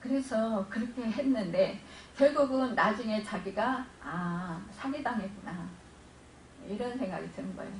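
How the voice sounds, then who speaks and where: A woman's voice: mid-range voice, slight background noise. Emotional woman pastor, echoey church. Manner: emotional storytelling, acts out tearful prayers. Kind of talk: sermon. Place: church sanctuary. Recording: echoey room, mic far off, faint ambience.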